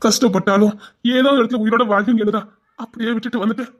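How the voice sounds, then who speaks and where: A man's voice: high-pitched, steady tone, fast talker, natural voice. An actor with a Tirunelveli Tamil accent playing a stern, remorseful older father who scolds and then pleads with his daughter.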